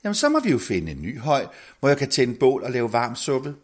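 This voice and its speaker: A man's voice: mid-range voice, huge pitch swings, pitched above the performer's own voice. A man voicing an older woman who cooks soup in a huge pot and scolds and mutters to herself. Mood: musing.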